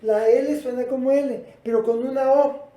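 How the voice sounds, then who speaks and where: A woman's voice: high-pitched, steady tone, moderate pace, mellow. Patient teacher woman in an echoey room. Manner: patient, explanatory, addresses students directly. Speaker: English teacher. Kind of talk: classroom lesson at a whiteboard.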